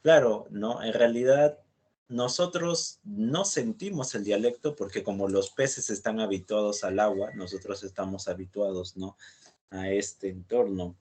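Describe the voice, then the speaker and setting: A man's voice: fairly low pitch, darkish tone, husky. A man from Lima with a Limeño Peruvian accent, teaching a literature class in a chatty way and tagging his sentences with "¿no?". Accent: Limeño Peruvian Spanish. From Lima, Peru. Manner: chatty, tags sentences with "¿no?" and "justamente".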